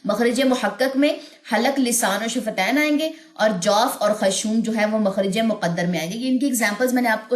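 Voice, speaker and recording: A woman's voice: mid-range voice, reverberant. A woman teaching Quran recitation online, explaining pronunciation and drawing out long vowels in her examples while mixing in English words. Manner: demonstrates sounds with long drawn-out vowels. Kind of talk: online tajweed lesson.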